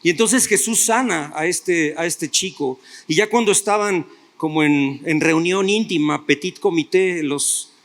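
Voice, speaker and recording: A man's voice: fairly high pitch, unhurried, hardly any pauses, fairly bright tone. A male pastor preaching a sermon, retelling stories and putting rhetorical questions to his listeners.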